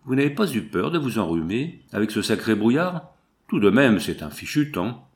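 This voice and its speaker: A man voicing a self-assured middle-aged landowner who talks briskly. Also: medium pitch, very animated. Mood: chatty.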